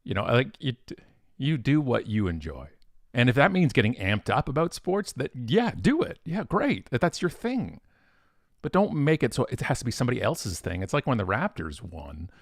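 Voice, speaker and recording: A man hosting a casual live-stream Q&A as a professional speaker. He talks in an animated, chatty way, with bursts of excitement and a lot of fillers and restarts. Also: medium pitch, normal speed, no room sound, clean studio sound.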